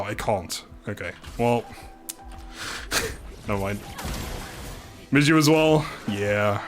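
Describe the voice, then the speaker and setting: Fairly high-pitched and rather bright, this man's voice comes from a live game stream he hosts. He jokes and chats casually with viewers, laughing often.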